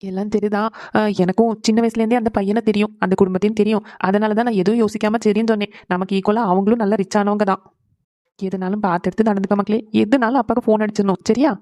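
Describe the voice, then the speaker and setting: A woman's voice: medium pitch, fairly even intonation, darkish tone, no room sound, clean studio sound, natural voice. A woman voicing a doting, tearful father in a cartoon, fussing over his daughter. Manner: fast, fussing and emotional. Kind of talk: cartoon voice acting.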